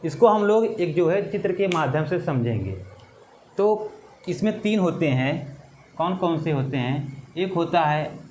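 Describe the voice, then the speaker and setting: A man teaching an exam-prep lesson, slow and repetitive, drawing out vowel sounds. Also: fairly high pitch, animated, darkish tone, slight background noise.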